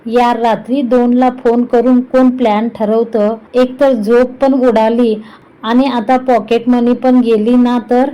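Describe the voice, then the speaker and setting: A woman's voice: on the high side, little pitch movement, slow, mellow, dull audio. A woman voicing a cheeky, talkative young man teasing his older brother in a storybook reading. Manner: chatty, cheeky, playful.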